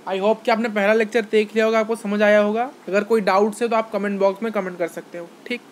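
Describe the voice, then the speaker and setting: His voice sits high and his delivery is flat and fast as this man teaches science to students online. Explanations get repeated, questions go out to the class, and English phrases slip into his Hindi.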